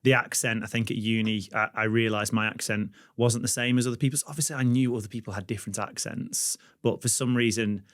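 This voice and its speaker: Male podcast host from Stoke, low voice, laid-back, easy follow-up questions. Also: a little fast, few pauses, no echo, clean studio sound. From Stoke-on-Trent, England. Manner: constant yeahs, relaxed questions. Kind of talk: casual conversational interview.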